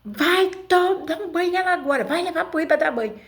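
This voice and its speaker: A woman voicing her stern, angry mother, giving sharp commands in a raised, higher voice. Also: expressive, fairly quick. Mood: harsh commanding.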